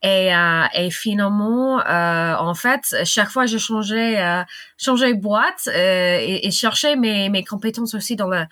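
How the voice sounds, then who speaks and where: A middle-aged woman from the western United States talks in French with a clear American accent, pausing often with fillers and breaking into small laughs. Her voice sits at an ordinary pitch and is recorded dry and close, with no room sound. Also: pushed and bright, no echo. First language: English. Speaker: guest. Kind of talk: casual interview talk.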